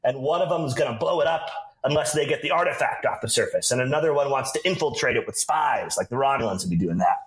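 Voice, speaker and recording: A man's voice: mid-range voice, expressive, quick pace. A man in casual chat who eagerly leads the discussion as a podcast co-host. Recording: roomy echoey recording.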